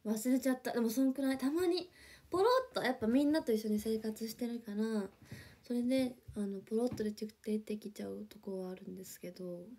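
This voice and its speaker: A young woman chatting on a livestream in a fairly high, mellow voice with a husky softness. She gushes and rambles with lots of fillers and now and then drops into a whisper. She sounds relaxed, as if she is reading comments to fans. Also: fairly quick. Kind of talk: casual livestream chat. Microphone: phone or webcam for a livestream.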